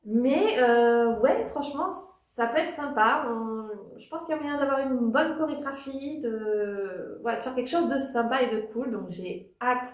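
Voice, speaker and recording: A woman with a fairly high voice chats casually through her review, full of pauses, fillers and restarts. Her voice carries a noticeable echo from the room. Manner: hesitant, many fillers and restarts. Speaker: vlogger reviewing a TV talent show. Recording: echoey room.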